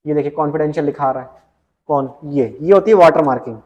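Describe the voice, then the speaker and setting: Man, high voice, computer teacher, exam-prep lesson, slow English questions, casual Hindi explanations, checks in with "theek hai". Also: mellow, lo-fi sound. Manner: often adds "ठीक है" as a check-in.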